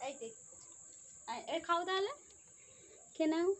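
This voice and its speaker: A woman's voice: extremely high pitch, animated, unhurried, fairly bright tone, a little hiss or hum. A woman talking sing-song baby talk to her pet, coaxing it and repeating her words. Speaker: pet owner filming her pet.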